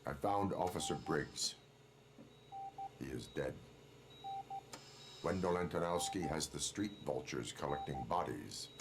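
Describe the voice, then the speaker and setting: An actor playing a stoic male cyborg police officer who speaks in terse, formal, deliberate sentences in a video game. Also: rumbling low, animated, background noise, exaggerated voice. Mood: solemn, restrained.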